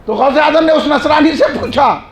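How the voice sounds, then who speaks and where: A man preaching a fiery sermon, chanting repeated phrases and shouting refrains. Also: very high-pitched, a crowd in the background. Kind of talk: fiery religious speech. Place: large mosque hall. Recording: echoey mosque hall.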